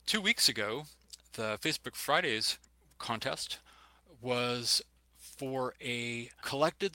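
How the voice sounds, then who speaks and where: A man co-hosting a talk show, reading out contest winners slowly and deliberately. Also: mid-range voice, bright, forceful tone, no room sound. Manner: slow, deliberate, reads out names. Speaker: co-host. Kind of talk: reading announcements.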